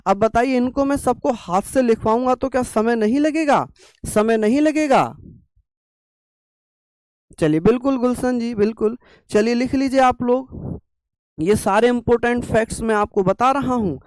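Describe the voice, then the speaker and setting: A man's voice: extremely high pitch, normal speed, pauses often, darkish tone, smooth, dry recording. A young man gives an online exam-prep lecture while his throat is sore. He coaxes and scolds the students to keep writing. The recording is close and dry. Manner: coaxing, scolding students to take notes. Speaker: teacher.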